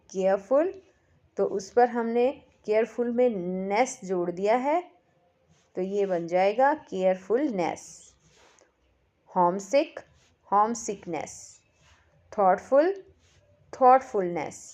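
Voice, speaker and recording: A woman teacher, reading English workbook lines slowly and explaining them in Hindi. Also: medium pitch, a little mellow. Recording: dull lo-fi recording.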